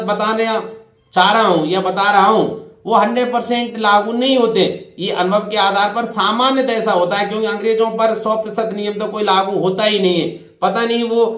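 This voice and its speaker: A man in his fifties teaching English pronunciation, speaking deliberately, repeating each word and spelling out letters while addressing listeners directly. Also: high voice, echoey room. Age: 50s. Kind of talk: classroom-style spoken lesson.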